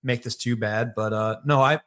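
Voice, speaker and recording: A man with a Michigan accent, a podcast guest telling his life story in a relaxed, rambling way with many fillers. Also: medium pitch, normal speed. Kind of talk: casual storytelling conversation.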